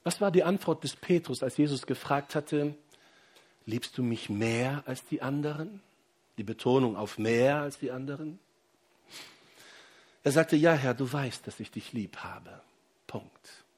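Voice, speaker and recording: A middle-aged man, a pastor, preaching a sermon with rising emphasis and pauses, addressing the congregation directly. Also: medium pitch, darkish tone, husky.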